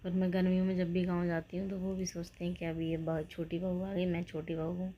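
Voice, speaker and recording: A woman's voice: lowish voice, level tone, a little fast, dull audio, slight background noise. A woman in her thirties chatting casually to her viewers, unwell and rambling, sometimes dropping to a whisper. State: unwell with joint pain. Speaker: vlogger. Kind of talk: casual vlog chat.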